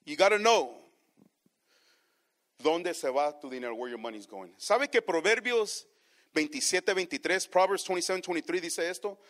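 Preaching at a measured pace, a pastor with a slightly high, fairly bright voice and lively intonation gives a bilingual sermon, echoing each line in a second language and continually addressing the listeners as brothers.

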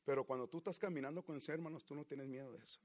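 A man preaching a sermon with passion, swinging from loud outbursts to low, quiet murmurs. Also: very fast.

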